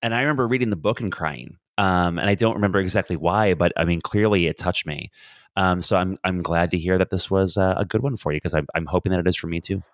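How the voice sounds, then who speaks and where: A man's voice: deep voice, quick pace, dry recording, clean studio sound. A man co-hosting a casual film podcast in an easy conversational way. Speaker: podcast co-host.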